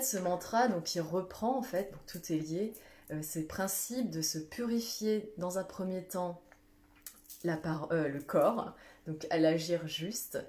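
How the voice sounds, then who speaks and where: A woman leading a guided meditation on a live stream, speaking slowly and gently with frequent hesitations. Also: lowish voice. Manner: slow, gentle, with many hesitations. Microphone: phone or webcam for a social media live.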